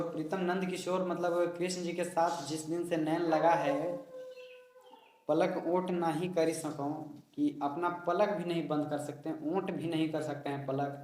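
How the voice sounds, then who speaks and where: Guy teaching a poem, kinda high voice, reads verses slow then explains, echoey room. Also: a little mellow. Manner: explains and recites verses slowly, chatty asides. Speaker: coaching teacher. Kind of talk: casual Hindi poetry lesson. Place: home room, dog barking outside.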